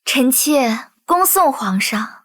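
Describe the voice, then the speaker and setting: An actress playing a young imperial consort in a costume drama, with coy, deferential courtly speech. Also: female voice, sits high, expressive, takes it slowly, fairly bright tone, no echo, studio quality, exaggerated voice. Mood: coaxing, sweet. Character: young imperial consort, coaxing, sweet and secretly scheming.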